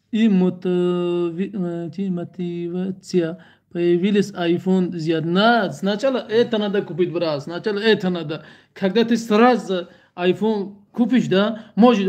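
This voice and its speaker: High-voiced Tajik man, joking livestream chat. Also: a little slow, a little mellow. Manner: joking, speaks broken Russian in short repetitive bursts. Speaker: livestream host. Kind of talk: casual livestream chat with viewers.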